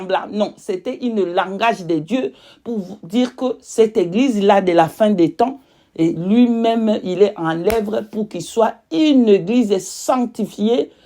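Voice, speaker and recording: Speaking French as a second language, a woman with a slightly high, mellow voice gives religious testimony. She presses her points emphatically and repetitively, pausing when words escape her.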